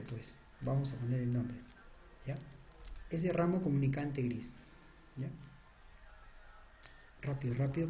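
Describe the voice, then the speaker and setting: A man's voice: a little high, mellow, a little hiss or hum. A man teaching an anatomy lecture, quizzing the students and answering his own questions, urging them to pay attention. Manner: urgent, repeatedly asks students to pay attention. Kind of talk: online lecture drawing on a diagram.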